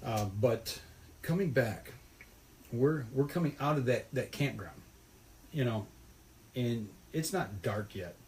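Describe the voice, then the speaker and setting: A man's voice: medium pitch, takes it slowly, pauses often, slight background noise. Folksy man telling a fishing story. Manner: rambling, folksy, animated retelling. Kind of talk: casual storytelling.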